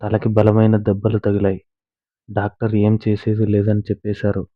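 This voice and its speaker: A man's voice: on the low side, completely flat delivery, normal speed, no room sound, lightly acted. Man reading a sober, pitying nurse. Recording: tinny phone-like dry recording.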